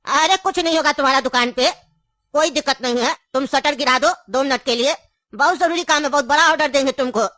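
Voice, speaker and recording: A woman's voice: sits high, fairly quick, sharp tone, dry recording. A woman playing a scheming, grieving old grandfather in a comedy skit, coaxing and insistent and laughing through her lines. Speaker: comic skit actor.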